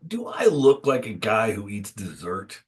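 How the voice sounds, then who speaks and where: A man's voice: on the low side, wildly swooping pitch, unhurried. A man co-hosting a security podcast in casual chat, with dry, sarcastic humor. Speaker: podcast co-host.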